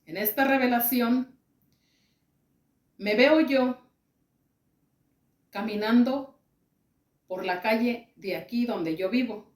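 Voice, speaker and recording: A woman addressing a church as she recounts a religious vision, slowly and repetitively, pausing phrase by phrase. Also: on the high side, darkish tone, roomy sound.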